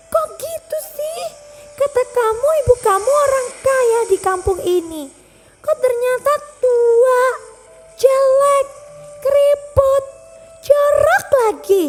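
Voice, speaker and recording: A spoiled young noblewoman from a folk tale, as a mother puts her on for her child, whining with open contempt. Her voice sits very high and shrill, with a sneering, pouty edge. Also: heavily acted. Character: snobbish rich young noble wife, spoiled.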